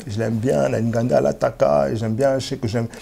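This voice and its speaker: A man's voice: medium pitch, steady tone, brisk, creaky, mellow. A man, talking hesitantly as an interview guest and mixing in Lingala. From DR Congo, raised in Kinshasa. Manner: hesitant, many fillers and restarts.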